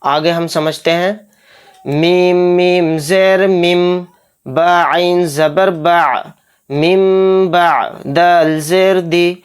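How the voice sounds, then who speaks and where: With a medium-pitched, steady, clear and resonant voice, this Quran recitation teacher walks through a lesson one step at a time. Syllables are pronounced slowly and spelled out, brisk asides cover each rule, and self-posed questions get their own answers.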